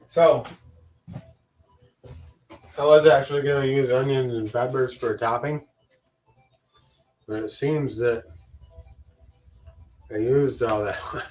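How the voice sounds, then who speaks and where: A man's voice: medium pitch, steady tone, takes it slowly, pauses often, darkish tone, faint music behind. A man hosting a live cooking stream from his kitchen, chatting casually, swearing offhandedly and talking to his cat. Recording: voice a bit distant from the mic.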